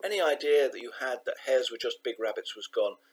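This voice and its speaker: A man reading a children's novel aloud, measured and expressive, slowing down for emphasis. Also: mid-range voice, husky, rough recording. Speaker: audiobook narrator. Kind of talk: scripted narration of a children's novel.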